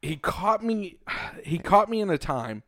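Animated storytelling man, bro-talk. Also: sits high, a little slow, no room sound, clean studio sound. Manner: animated storytelling, says "bro" and "dude" often. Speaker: podcast co-host. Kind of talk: casual chat.

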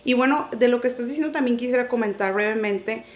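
Woman host, thoughtful, mid pitch, roomy muffled audio. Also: fast talker. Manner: thoughtful, affirming, searching for words. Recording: roomy, dull lo-fi sound.

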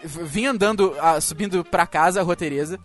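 In a casual podcast chat, a male co-host with a high voice tells stories in an animated way and asks the others questions. He talks a little fast, with soft music in the background.

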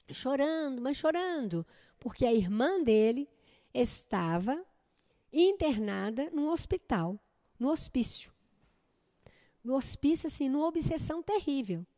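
A woman's voice: sits high, a little mellow, in a large hall. A woman with a Brazilian Portuguese accent teaching a spiritist study group, asking rhetorical questions and checking that the class follows.

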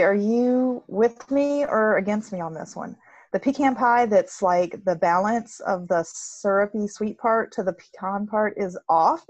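A woman from the American South co-hosting a podcast in casual chat, animated and quick with laughing asides. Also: on the high side, muffled recording. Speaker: podcast co-host.

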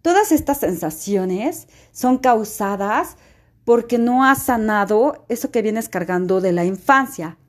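A woman self-help coach giving an emphatic motivational talk, full of rhetorical questions. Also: mid-range voice.

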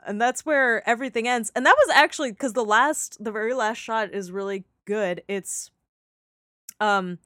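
A woman's voice: mid-range voice, clean tone, no room sound, studio quality. Chatty young woman recapping a show. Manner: animated, acts out characters' lines in quick voices, laughs often. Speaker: podcast co-host discussing a TV series. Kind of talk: casual chat.

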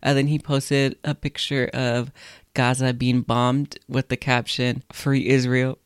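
A woman's voice: a bass voice, little pitch movement, unhurried, clear, resonant tone, no room sound, clean studio sound. A young woman hosting a solo podcast, talking in a chatty, blunt way and swearing freely. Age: young adult. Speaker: podcast host. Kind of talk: casual solo podcast chat.

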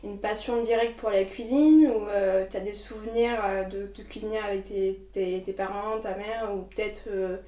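Female co-host, mellow tone, halting questions, off-mic in a roomy space. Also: medium pitch, steady tone, distant mic. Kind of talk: podcast interview.

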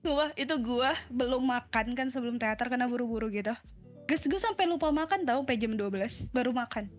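High-voiced woman telling an excited story. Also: fast. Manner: animated, storytelling, quotes people. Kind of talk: casual chat. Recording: dull lo-fi with faint music.

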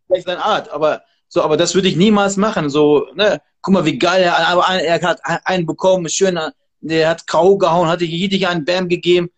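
High-voiced, emphatic martial arts trainer. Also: male voice, fairly even intonation, a little fast. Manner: emphatic, motivational, preachy. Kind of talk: casual interview talk.

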